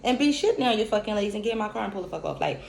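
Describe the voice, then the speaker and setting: A woman's voice: mid-range voice, expressive, rapid-fire, creaky, darkish tone. A woman, giving an unscripted, profane, emphatic reality-TV recap rant. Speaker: recap commentator. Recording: echoey room with faint hiss.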